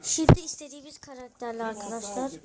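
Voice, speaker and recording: A host giving live gameplay commentary to viewers, excitable and crying out when losing, asking for likes and subscribes. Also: mid-range voice, quick pace, a loud crowd. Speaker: gaming channel host.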